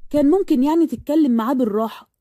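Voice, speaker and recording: A woman's voice: sits high, very fast, warm tone, dry recording, clean studio sound, lightly acted. Woman voicing an affectionate Egyptian mother. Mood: coaxing. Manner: coaxing, affectionate. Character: warm teasing middle-aged mother.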